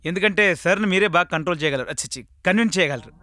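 A man's voice: high-pitched, racing. An actor playing a pushy, desperate comic salesman who pleads and rants at a silent woman. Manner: pleading, then ranting loudly to himself. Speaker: real estate salesman. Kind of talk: comic film acting. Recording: film soundtrack with loud music. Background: music.

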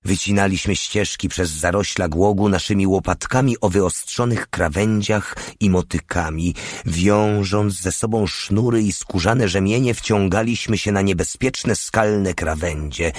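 Guy reading a war novel aloud, really low voice, dry close sound, steady pace. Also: unhurried, few pauses, no echo. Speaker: audiobook narrator.

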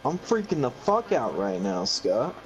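Man, co-player, panicky swearing, lively pitch, faint background noise. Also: measured pace, low-quality recording. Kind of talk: casual let's-play banter.

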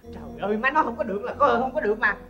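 A woman's voice: fairly high pitch, very fast, dull audio, lightly acted. A woman playing a blunt, fussy older mother who finds fault with every bride her son brings home, in a comic sketch. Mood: scolding. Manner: blunt, scolding, mocking.

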